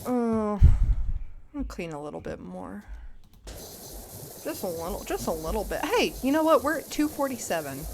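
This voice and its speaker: A woman's voice: medium pitch, big pitch swings, normal speed, vocal fry, pauses often, background noise. Chatty, giggly young woman streamer. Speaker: game streamer. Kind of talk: casual chat while gaming.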